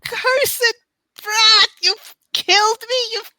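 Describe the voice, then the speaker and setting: A woman's voice: very high voice, drawn-out words, bright, forceful tone, slight background noise, heavily acted. A woman playing a wicked witch in a comic radio play, theatrical and gloating, drawing out her menace. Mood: shrieking despair. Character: cackling, gloating wicked witch, shrieking villainess.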